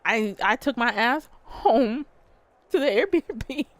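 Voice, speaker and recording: A woman streamer telling a story and chatting with her viewers, animated and full of swearing. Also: a little high, slow pace, no room sound. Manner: profane, animated, talks straight to chat. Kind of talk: casual livestream storytelling and chat.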